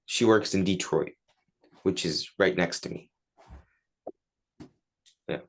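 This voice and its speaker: Speaking low and slowly, this Turkish teenage boy is a guest being interviewed. He's a native Turkish speaker who chats in relaxed English, sprinkling in plenty of "likes" and "you-knows."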